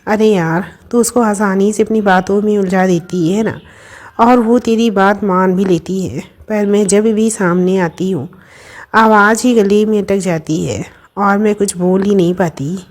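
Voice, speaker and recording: Brief: woman voicing a shy, tired young woman for a storybook, mid pitch. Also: steady tone, a little slow, close to an everyday voice. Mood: chatty. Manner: shy, playful with her friend.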